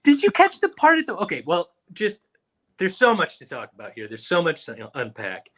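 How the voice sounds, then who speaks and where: A man with a highish voice and moderate pace co-hosts a podcast, telling stories in relaxed conversation. He's animated, imitating the people he describes by quoting them in mock voices.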